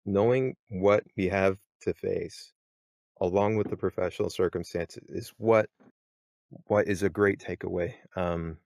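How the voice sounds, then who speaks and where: A man's voice: low-pitched, steady tone, unhurried, gravelly, darkish tone, dry recording, clean studio sound. A man moderating a casual podcast chat, rambling with many fillers and restarts.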